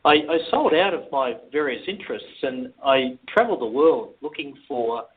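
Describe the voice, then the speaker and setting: A man speaks over a tinny phone line as a company founder being interviewed. His voice sits at a middle pitch. He talks at an easy pace, pausing often with "uh" while he gathers his words. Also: a little hiss or hum. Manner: relaxed, hesitant with many "uh"s.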